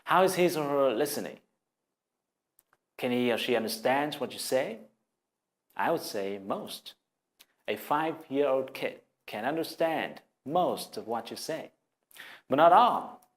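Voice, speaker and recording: A native Vietnamese speaker with a Vietnamese accent teaches English in a scripted video. His mid-range voice is animated yet a little slow, with frequent pauses. He speaks earnestly and encouragingly, directly to the viewer.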